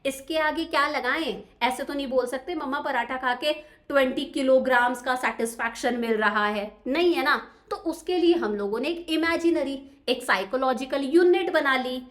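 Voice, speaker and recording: Young female teacher, high voice, animated, chatty lecture style. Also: moderate pace. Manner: chatty, addresses students directly with repeated check-ins.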